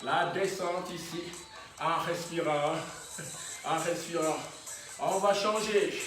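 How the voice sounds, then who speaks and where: Man, fitness instructor, short encouraging cues, slow delivery, very echoey room. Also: on the high side, a bit bright. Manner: short encouraging exercise cues, chuckles often. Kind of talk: workout class instruction. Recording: very echoey room, voice from a distance, faint music.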